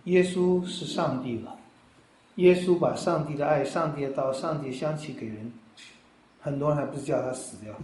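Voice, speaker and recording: A pastor giving a sermon in a conversational way, explaining step by step and asking rhetorical questions. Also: male voice, a little high, moderate pace, a little mellow, roomy sound, slight background noise, rough recording.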